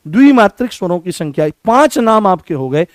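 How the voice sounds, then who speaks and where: A man with a high, lively voice teaching an exam-prep class and drilling each point over and over. He keeps firing questions at his students and calls them by a fond nickname. The recording is dry and close. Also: no room sound. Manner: addresses students affectionately as "babu"; stretches vowel sounds slowly to demonstrate. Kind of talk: exam coaching lesson.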